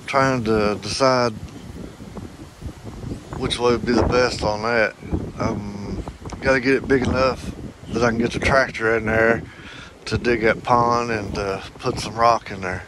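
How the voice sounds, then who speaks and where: A farm owner vlogger with a lowish, fairly even voice speaks unhurriedly, pausing often as he gives a rambling, folksy walkaround of his farm, thinking aloud with many fillers. He records outdoors on a phone held while walking, so wind noise hits the mic amid outdoor ambience.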